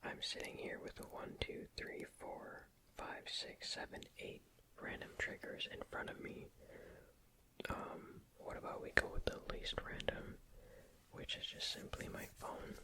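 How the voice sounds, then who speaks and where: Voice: unhurried, poor audio. An ASMR creator speaking entirely in a whisper, rambling casually and unhurriedly in a self-deprecating way. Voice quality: whispered, unvoiced. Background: crinkling bubble wrap and tapping.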